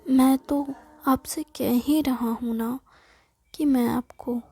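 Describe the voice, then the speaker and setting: A woman's voice: high-pitched, steady tone, takes it slowly, mellow, breathy edge, full character voice. A woman voicing a loving young adult son in a whispered role-play, in a soothing, reassuring manner.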